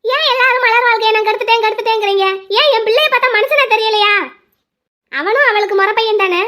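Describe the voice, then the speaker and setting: A woman with a very high voice performs a cartoon family drama. Her delivery is sing-song and dramatic, moving between mournful laments and sharp arguing. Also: fast. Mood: argumentative.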